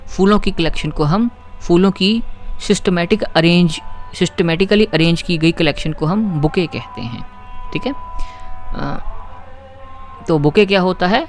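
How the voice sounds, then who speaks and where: A man teaching English grammar, patiently explaining exercises, asking questions and reading example sentences slowly. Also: sits high. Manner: patient, asks questions and keeps checking with "ठीक है?".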